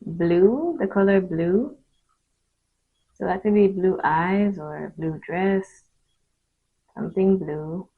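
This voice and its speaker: A woman giving an improvised mystical tarot reading straight to the viewer, speaking in short, halting phrases with pauses between them. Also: fairly low pitch, husky, narrow, tinny audio. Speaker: tarot card reader hosting readings.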